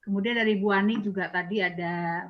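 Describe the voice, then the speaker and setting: A woman on an online panel speaks in a measured, polite manner. Her voice sits in a mid range for a woman, and she picks her words carefully. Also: mid-range voice, steady tone, dull audio. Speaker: panelist giving closing remarks.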